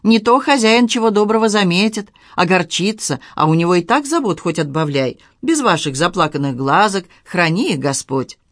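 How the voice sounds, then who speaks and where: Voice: medium pitch, animated, normal speed, hardly any pauses, a bit bright, dry recording, natural voice. Reader as an old servant, moralising and homely, in a dry studio read. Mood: lecturing. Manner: lecturing, homely. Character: old male servant Dixon, gruff and moralising.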